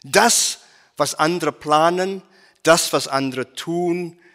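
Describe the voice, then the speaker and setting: Slow, halting preacher man in a reverberant church. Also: a little high, fairly bright tone. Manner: halting, with many fillers and restarts. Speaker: guest preacher. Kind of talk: sermon. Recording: long church-hall reverb.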